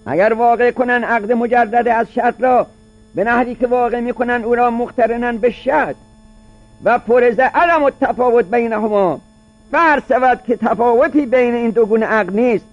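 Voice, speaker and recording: On a dull, lo-fi recording, a seminary teacher with a remarkably high voice recites passages from a classical Arabic legal text and explains them in casual, everyday language. To make his points stick, he tends to repeat them in several different ways.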